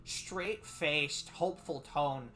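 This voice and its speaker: A man's voice: fairly high pitch, takes it slowly, sharp tone, a little hiss or hum. A young man giving casual let's play commentary, reactive, informal and given to swearing. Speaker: game streamer.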